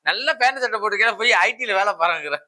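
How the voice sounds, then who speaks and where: A man running a prank street interview, pressing his subject with needling, repeated questions. His voice sits high and swings widely, and he talks fast with a bright, sharp edge. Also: expressive.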